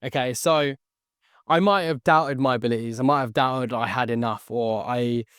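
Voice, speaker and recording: This podcast interview features a young sales entrepreneur, born near London and raised in the Philippines, who first spoke Tagalog. He earnestly narrates his life, repeating himself and saying "okay" a lot, in a medium-pitched, fairly bright, clean voice at normal speed. The studio-quality recording has no room sound.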